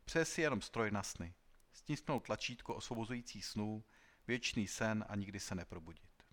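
A man reading a story aloud in a measured, serious voice. His voice sits on the lower side, steady and unhurried. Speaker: audiobook narrator. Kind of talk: scripted literary narration.

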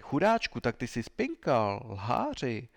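A man voicing a zealous, self-important male police agent who shouts accusations in an interrogation. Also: mid-range voice, wildly swooping pitch, creaky. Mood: bullying.

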